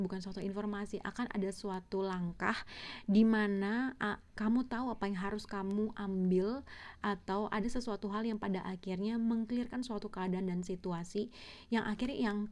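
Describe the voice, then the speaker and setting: A woman's voice: medium pitch, a little mellow. A woman giving a casual tarot reading, rambling with many fillers and restarts and mixing in English words. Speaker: tarot reader.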